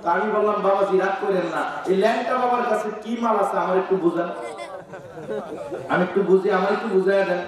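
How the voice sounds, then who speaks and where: A high-voiced man with a Bangladeshi Bengali accent preaches at an outdoor gathering, half chanting and half shouting. His voice carries with heavy echo, as if through loudspeakers heard from a distance. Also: fast talker. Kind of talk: sermon. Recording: echoing loudspeaker sound from far off.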